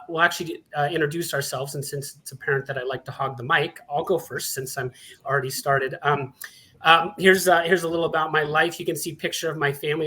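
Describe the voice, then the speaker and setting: A man's voice: fairly high pitch, sharp tone. Friendly, chatty man in his forties. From Montana, USA. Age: 40s. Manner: friendly, chatty, self-deprecating humor. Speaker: session host and panelist. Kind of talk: conference presentation.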